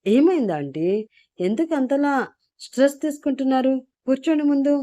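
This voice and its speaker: A woman doing a lively polite young woman. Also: sits high, fairly quick, dry recording, studio quality, voice pushed up. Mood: concerned. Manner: bright, polite, lightly raised voice.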